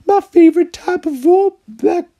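A man voicing a perky young woman customer in a cafe game, in a squeaky falsetto with exaggerated sweetness. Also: unhurried, muffled recording. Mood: chirpy.

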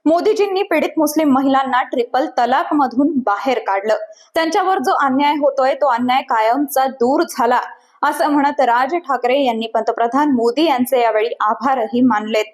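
Female news anchor, notably high pitch, reading scripted reports in punchy, emphatic headline style. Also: moderate pace. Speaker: news presenter.

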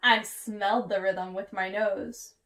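A woman's voice: mid-range voice, fairly even intonation, slow, a bit bright. A woman reading a children's picture book aloud as a teacher, chanting the rhythm words in a sing-song way and inviting the kids to join in.

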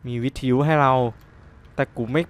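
A young man, commenting on a horror game he plays, excitable and swearing, yelping when startled. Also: normal speed, dry recording. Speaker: gaming streamer.

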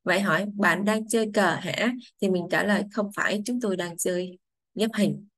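A woman's voice: medium pitch, fairly bright tone, no echo. Woman teaching children. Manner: patient, repeats English phrases slowly, then translates. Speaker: English teacher. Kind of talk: explaining grammar to children.

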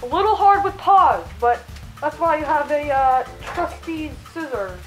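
A woman's voice: sits high, lively intonation, measured pace, roomy sound, soft background music, poor audio. A woman hosting a playful cooking tutorial in a home kitchen, chatty and mock-instructional, talking from inside a costume head. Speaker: channel host cooking in fursuit.

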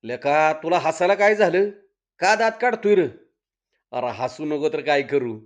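A man's voice: a little high, animated, unhurried. A storyteller voicing a teasing young village man who mocks his friend. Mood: mocking. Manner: laughing, mocking.

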